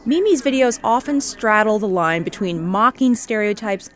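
A woman reporter giving measured, scripted narration for a radio feature story. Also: medium pitch, expressive, a bit bright.

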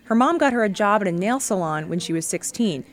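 Woman reporter, scripted radio narration, measured storytelling, mid-range voice. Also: medium pitch, lively intonation.

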